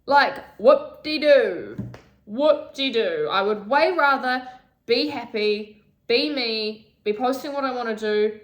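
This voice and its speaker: Young woman, raw confessional vlogger, swears freely, slightly high voice, phone in a roomy space. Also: a little slow, a bit bright. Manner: raw, emotional, swears often. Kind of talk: candid confessional vlog. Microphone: phone camera.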